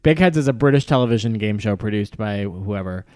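A man co-hosting a podcast in casual chat, excitable and jokey, reading facts aloud with amazement. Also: lowish voice, a little fast, no room sound. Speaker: podcast co-host.

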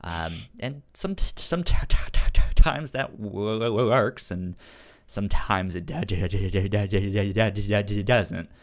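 A podcast co-host with a lowish voice speaks at a measured pace. He chats casually about comic books, and his stutter makes him repeat sounds and syllables.

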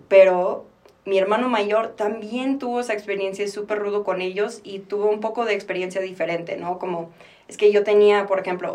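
A woman's voice: mid-range voice, a little mellow, recorded from a distance. A woman in her twenties from Mexico with a Mexican Spanish accent, a podcast guest speaking openly and reflectively, now and then slipping English phrases into her Spanish. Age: 20s. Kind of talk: candid personal interview.

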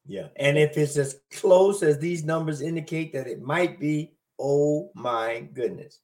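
A man's voice: on the high side, measured pace, darkish tone. A man co-hosting a casual talk show, agreeing often and restarting words as he goes. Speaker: co-host. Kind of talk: casual chat on current events.

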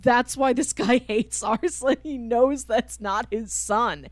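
On a casual, spoiler-heavy manga discussion show, a female co-host speaks slowly in a slightly high voice. She chats her way through retelling a story and voices the characters' lines herself. No room sound is audible.

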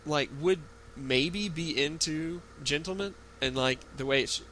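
A man's voice: on the high side, a little slow, pushed and bright, a little hiss or hum, rough recording. A man co-hosting a podcast in casual, bantering conversation. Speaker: podcast co-host.

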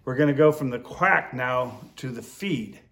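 A man's voice: medium pitch, expressive, normal speed, vocal fry, fairly bright tone. A man instructing in duck calling, explaining his technique step by step in an informal, hands-on way.

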